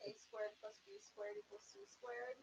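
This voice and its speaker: Brief: tabletop player, playful interjections, high and very lively voice, dull mic with faint hiss. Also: female voice, normal speed, gravelly. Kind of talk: casual tabletop play.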